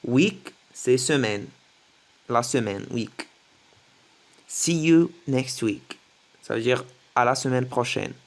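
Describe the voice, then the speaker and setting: Slow-talking man teaching English phrases. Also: medium pitch. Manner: slow, repeats each phrase several times. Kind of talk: French-language English lesson.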